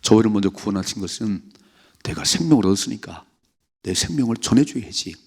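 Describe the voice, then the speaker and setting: A man's voice: fairly low pitch, expressive, fairly quick, darkish tone, slightly rough. A man pastor giving an early-morning sermon in a church, preaching emphatically and asking the congregation many rhetorical questions. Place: church sanctuary.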